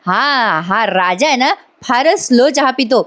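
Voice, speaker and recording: A man's voice: extremely high pitch, lively intonation, unhurried, sharp tone, full character voice. A woman voicing a joking young man of the household in a spoken serial retelling. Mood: bantering. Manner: bantering.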